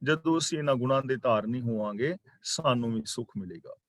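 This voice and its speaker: A man teaching a daily scripture class online, explaining the meaning of each word, correcting pronunciation and reciting verses slowly. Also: medium pitch, dry recording. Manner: slow, deliberate recitation of verses. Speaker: religious teacher. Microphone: online class microphone.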